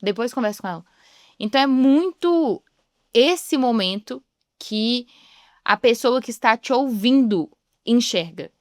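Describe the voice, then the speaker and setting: A woman's voice: fairly high pitch, animated, unhurried, dry recording, clean studio sound. A young woman giving a reflective devotional talk in a chatty way, acting out the voices she quotes.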